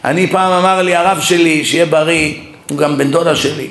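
A man's voice: fairly high pitch, reverberant. A rabbi preaching to a lecture audience, mixing humorous personal stories into his sermon. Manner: lively anecdotal preaching with humor. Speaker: rabbi giving a public lecture. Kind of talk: sermon with storytelling. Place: lecture hall.

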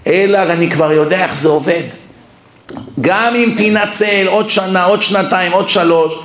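A man's voice: high-pitched, echoey room. A rabbi preaching to a lecture audience, mixing humorous personal stories into his sermon. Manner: lively anecdotal preaching with humor. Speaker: rabbi giving a public lecture. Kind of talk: sermon with storytelling. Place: lecture hall.

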